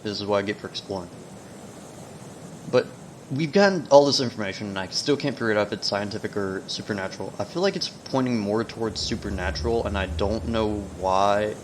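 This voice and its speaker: A man giving casual, rambling gaming commentary, haltingly trailing off mid-thought, with whistling S sounds. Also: lowish voice, low-quality recording. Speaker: video game let's player. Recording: noticeable background noise, sensitive mic.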